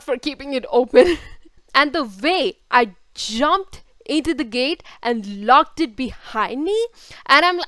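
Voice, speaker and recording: High, slow-spoken woman telling a story. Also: fairly bright tone, no echo. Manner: dramatic, repeats words for effect. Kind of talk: storytime vlog.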